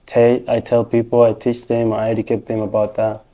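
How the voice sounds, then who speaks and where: A man's voice: mid-range voice, completely flat delivery, a little fast, warm tone. A man from Rwanda, patiently explaining things step by step as an interview guest. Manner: patient, explanatory, steps through points one by one. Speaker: interview guest, technician and financial professional. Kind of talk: casual interview answers.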